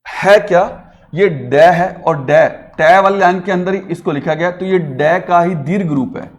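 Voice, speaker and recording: Man, classroom grammar teacher, somewhat high voice, quizzes students constantly as he explains. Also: unhurried. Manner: explains step by step with frequent quiz questions. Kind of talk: classroom lecture.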